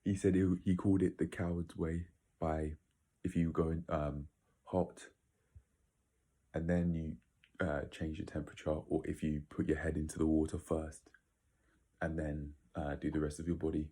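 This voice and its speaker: Deep voiced guy rambling to his viewers, bit husky, blunt and sweary. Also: little pitch movement, moderate pace, dark tone. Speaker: video creator. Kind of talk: casual opinionated monologue to viewers.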